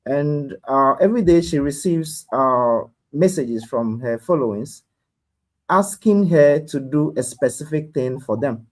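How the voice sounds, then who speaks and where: A man's voice: fairly high pitch, animated, unhurried, low-quality recording. A man as an interview guest, explaining earnestly and repeating his key points, heard over a video call. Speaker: guest expert. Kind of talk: explaining to a host.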